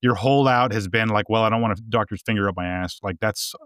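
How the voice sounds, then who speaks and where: A man's voice: fairly low pitch, fast, fairly bright tone, clean tone, no room sound, studio quality. A man co-hosting a podcast in casual chat, telling stories with frequent laughs and restarts. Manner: chatty storyteller, laughs often, many restarts. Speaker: podcast co-host.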